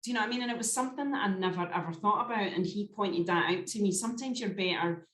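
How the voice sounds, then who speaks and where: A woman's voice: mid-range voice, fast talker, fairly bright tone. A woman in her forties, a skincare expert guest on a podcast, telling stories in a chatty way and often checking that she is understood. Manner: chatty storyteller, often asks "do you know what I mean". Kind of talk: casual podcast chat. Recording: roomy echo.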